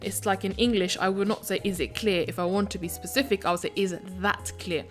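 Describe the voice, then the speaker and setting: A woman at an average pitch gives a language lesson. She works through each phrase piece by piece in a patient, methodical way. Soft music plays faintly behind her. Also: fairly even intonation, brisk. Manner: methodical, breaks phrases down step by step. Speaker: language teacher. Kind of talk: explanatory video lesson.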